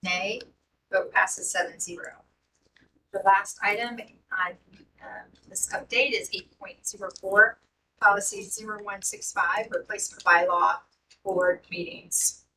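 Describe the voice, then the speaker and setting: A woman presiding over a school board meeting, calling motions and votes in a brisk, procedural way. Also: mid-range voice, fairly even intonation, sharp tone. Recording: distant mic with faint noise.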